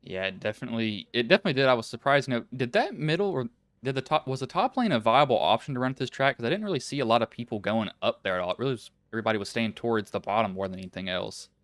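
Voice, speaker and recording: A man's voice: medium pitch, animated, a bit bright, no echo. A man hosting a sim racing livestream, chatting casually and reading out the finishing order. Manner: casual, quick, reads results in a list. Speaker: race broadcast host. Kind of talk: livestream race coverage.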